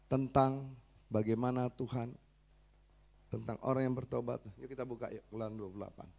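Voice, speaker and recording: A male pastor preaching a sermon and giving a personal testimony, earnest, moving from soft talk to loud, fervent preaching. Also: mid-range voice, fairly even intonation, brisk, creaky. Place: church service.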